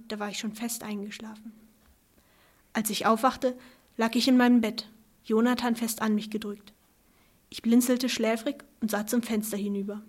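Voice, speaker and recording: A woman reading a children's story aloud in a calm, measured way. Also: fairly high pitch.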